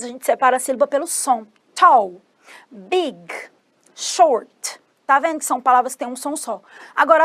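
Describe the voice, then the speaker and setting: A woman English teacher from Brazil giving an exam-prep lesson, explaining grammar in a lively, emphatic way and acting out example sentences. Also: high-pitched, no room sound.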